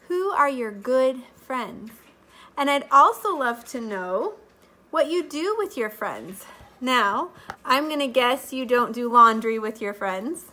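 In her living room, a thirtysomething woman records a children's Bible lesson close up on a webcam or phone camera. Her voice is on the high side, pushed and bright, and her sing-song teacher delivery is a little stuffy from allergies.

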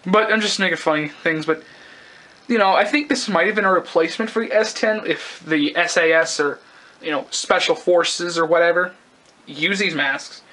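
Young adult male reviewer, high bright voice, halting and sweary, off-the-cuff product rundown. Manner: rambling, halting, casually sweary. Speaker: gas mask collector and reviewer. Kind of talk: casual unscripted product review. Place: indoors, close-up tabletop video.

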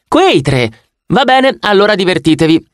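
A man's voice: sits high, big pitch swings, normal speed, no echo, clean studio sound, voice pushed up. A man voicing a pushy nine-year-old girl arcade manager who is really an old lady, brash and bossy. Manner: brash, bossy, loud megaphone announcer.

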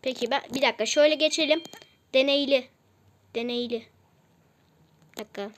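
High-voiced woman chatting over a mobile game. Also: a little fast. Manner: chatty, often exasperated, repeats lines. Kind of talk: casual gameplay commentary.

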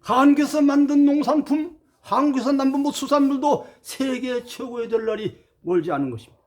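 A man's voice: very high voice, fairly quick. A man giving a preachy spoken monologue as a spiritual teacher to his viewers. He lectures emphatically, asks rhetorical questions and swings between formal address and blunt casual talk.

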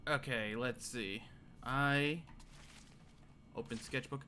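A man casually playing a game with a friend, reading its dialogue aloud in voices and reacting with animated exclamations. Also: mid-range voice, takes it slowly, slight background noise. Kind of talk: casual gameplay chat, voicing dialogue.

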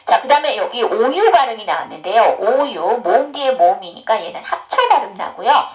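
Woman teacher walking students through english sounds, voice sits a bit high and bounces around a lot, keeps asking the class stuff. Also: animated, fairly quick, low-quality recording. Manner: explains patiently, asks the class questions. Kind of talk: online English phonics lesson.

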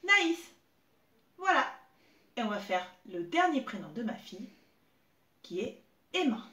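A woman in her thirties teaching young children remotely, spelling out syllables slowly and clearly as she claps. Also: on the high side, big pitch swings, a bit bright. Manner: slow, clear, exaggerated syllable clapping. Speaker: preschool teacher. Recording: echoey room with faint noise.

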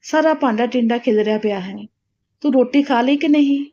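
A woman voicing a stubborn, angry old farmer uncle in a spoken story, in a gruff, scolding way. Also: a little high, normal speed, warm tone, lightly acted. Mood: stern. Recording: dull lo-fi recording.

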